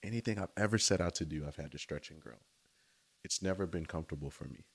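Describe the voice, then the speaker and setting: A man with a notably low, deep voice gives an eager, easygoing faith talk. He speaks outdoors in a chatty tone and keeps checking in with his listeners. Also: fast, breathy edge. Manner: enthusiastic, conversational, often says "right?" and "y'all". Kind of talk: casual devotional talk.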